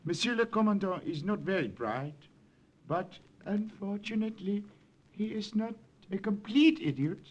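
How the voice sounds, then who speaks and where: An actor playing a kindly, sly French village priest in a radio drama, with a French accent and a courteous, hesitant manner. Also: male voice, sits high, expressive, moderate pace, background noise. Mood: warm, sly. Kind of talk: 1950s radio drama acting. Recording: muffled old radio recording.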